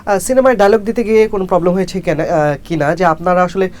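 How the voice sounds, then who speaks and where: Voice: mid-range voice, quick pace, darkish tone. An entertainment interviewer from Bangladesh with a Bangladeshi Bengali accent, asking long, winding questions with fillers.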